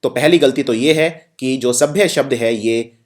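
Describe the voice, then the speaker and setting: Hindi grammar teacher, patient explainer. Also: male voice, mid-range voice. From northwest India. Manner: explains patiently, reads example sentences slowly. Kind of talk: grammar lesson.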